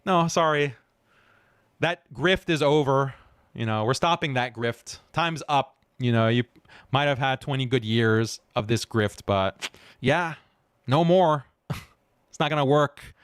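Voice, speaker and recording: A man's voice: medium pitch, unhurried, smooth, dry recording, clean studio sound. A man giving live-stream commentary, mocking and scornful, laughing often as he reacts. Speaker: online commentator.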